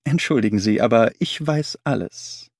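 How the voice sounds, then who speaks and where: Brief: male narrator as a cool, self-assured detective, gentle but confident. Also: mid-range voice, moderate pace, no echo, clean studio sound, natural voice. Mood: calm, confident. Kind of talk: audiobook character voice.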